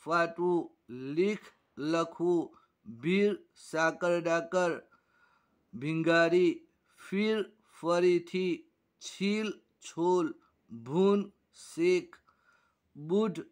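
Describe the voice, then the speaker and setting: Male teacher, fairly high voice, slow and drilling, repeats every word. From Gujarat, India. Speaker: Urdu teacher. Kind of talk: reading-primer lesson.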